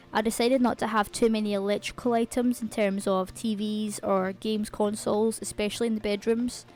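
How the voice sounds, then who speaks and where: A Scottish woman hosting her channel, chatting casually over a game speed build and talking quickly. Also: medium pitch, a little mellow. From Scotland. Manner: fast-talking, chatty, self-aware. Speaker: channel host.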